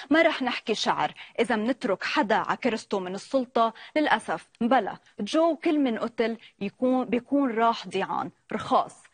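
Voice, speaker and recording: Fast-reading woman news reporter. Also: a little high, no room sound. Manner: reads quickly in a formal, measured news tone. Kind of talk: news segment narration.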